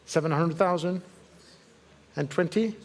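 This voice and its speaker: A male fine art auctioneer with a high-pitched voice calls a live sale. He repeats the figures in short phrases and courteously nudges bidders with brief questions. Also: a little slow. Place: auction saleroom in London.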